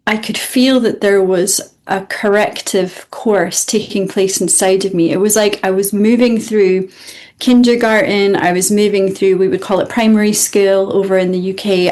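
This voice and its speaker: A woman's voice: medium pitch, steady tone, measured pace, darkish tone. Reflective Scottish woman. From Scotland. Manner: earnest, reflective, with frequent restarts. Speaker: guest, student of the program. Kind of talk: interview conversation.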